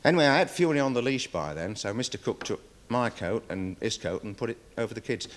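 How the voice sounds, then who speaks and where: Man playing a security guard witness, hesitant, rambling, deferential, lively pitch, 1970s TV courtroom drama. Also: fast talker, slight background noise, lightly acted. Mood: worried, defensive. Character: nervous security guard witness, dog handler.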